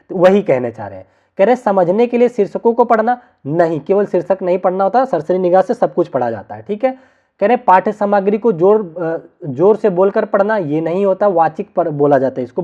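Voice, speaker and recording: A man's voice: sits high, darkish tone, muffled recording. A man teaching an online exam-prep class, explaining each answer and checking in with his listeners, dropping in English words.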